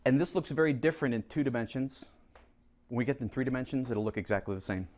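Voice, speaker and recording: A man's voice: mid-range voice, quick pace. A man teaching a chemistry class, coaxing and teasing students as he goes over review problems. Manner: lively, teasing, coaxes students to answer. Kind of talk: classroom lesson.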